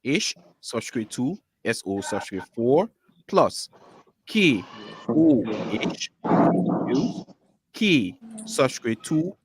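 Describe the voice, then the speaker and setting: A man's voice: medium pitch, very animated, extremely slow, long pauses, slightly rough. A man from Liberia moderating a quiz, announcing scores and questions in a firm, insistent way.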